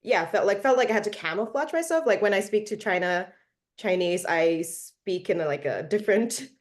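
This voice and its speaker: A young singer-songwriter from Malaysia, interviewed casually, has a mid-range voice with lively intonation and a moderate pace. Her answers are hesitant, packed with fillers and restarts, and punctuated by frequent laughter.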